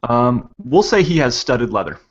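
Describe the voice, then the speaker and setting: A man running a tabletop role-playing game as game master, relaxed and encouraging. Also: mid-range voice, moderate pace, highs cut off. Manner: relaxed, encouraging, with short affirmations.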